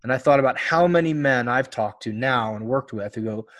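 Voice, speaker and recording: A man's voice: medium pitch, a little fast, fairly bright tone, no room sound. A man hosting his own podcast, talking alone in a blunt, casual way, swearing freely as he tells stories from his life. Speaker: podcast host. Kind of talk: solo podcast monologue.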